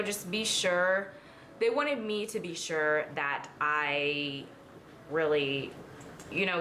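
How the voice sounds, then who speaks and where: Young woman in her twenties, casual beauty vlogger, chatty and rambling, lower voice. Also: a bit bright, a little hiss or hum. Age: 20s. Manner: rambling, chatty, lots of fillers. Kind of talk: casual chat while doing makeup. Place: at home in front of a mirror.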